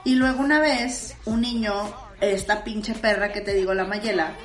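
A woman's voice: mid-range voice, steady tone, normal speed, roomy sound, faint music behind. A young Mexican woman co-hosting a podcast, telling school stories in a slangy, candid, laughing way. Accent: Mexican Spanish. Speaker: podcast co-host. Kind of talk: casual storytelling chat.

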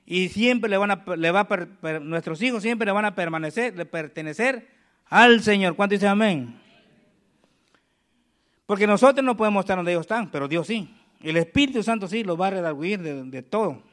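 A man preaching a sermon, reading scripture aloud slowly and calling the congregation for amens. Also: sits high, expressive, a bit bright.

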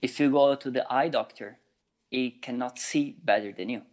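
A meditation teacher and flute maker in his forties answers casual interview questions at a normal speed and a plain pitch. Thoughtful in manner, he leans on everyday examples and keeps restarting his thoughts.

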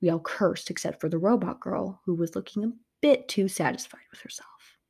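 A woman with a lowish voice reads a first-person adventure story aloud. Her narration is lively and expressive. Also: normal speed, vocal fry, husky. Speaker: audiobook narrator.

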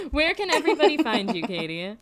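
A woman's voice: high-pitched, moderate pace. A woman in her late twenties co-hosting a podcast in casual chat, playful and often laughing. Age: 20s. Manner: playful, laughing, lively intonation. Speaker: podcast co-host.

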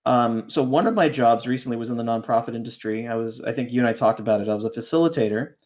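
Raised in Canada, this ghostwriter speaks as a podcast guest in a medium-pitched, darkish voice at a fast clip. He's reflective and rambling in this casual conversation, often checking in with "right?"

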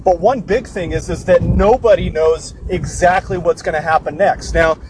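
A man's voice: sits high, normal speed, darkish tone, a little hiss or hum, poor audio. A man, a bit out of breath, giving an informal livestream lesson as a course instructor, explaining casually and correcting himself as he goes.

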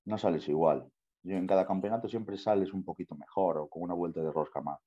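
A man's voice: low-pitched, fast, lo-fi sound. A young man from Spain with a Spanish accent, a bodybuilder guest telling his story in a casual interview, swearing freely and tagging lines with "tío" and "¿sabes?". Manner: slangy, swears often, keeps saying "tío" and "¿sabes?".

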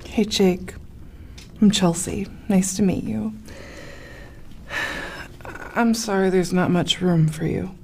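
A woman's voice: medium pitch, fairly even intonation, slow, creaky, pauses often, darkish tone, slight background noise. An actress playing a friendly, apologetic woman who stammers and is eager to please. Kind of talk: scripted skit acting.

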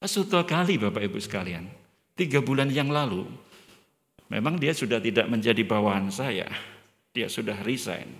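Male guest preacher, higher voice, forceful and bright, animated with jokes, long church reverb. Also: moderate pace. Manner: animated, joking, addresses the congregation directly. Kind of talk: sermon.

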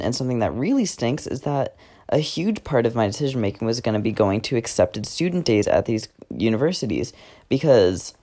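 A man's voice: mid-range voice, dark tone. A teenage guy talking casually in a diary-style podcast, rambling with many fillers and self-corrections. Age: teens. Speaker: podcast host.

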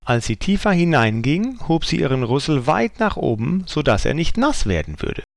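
A man narrating a children's story in a gentle, expressive reading. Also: a little high, moderate pace, vocal fry.

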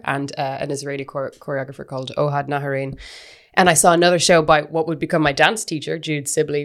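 A young woman with a west of Ireland accent, telling stories casually and chattily as an interview guest. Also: sits low. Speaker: interview guest, dancer and performer. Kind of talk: casual conversational storytelling.

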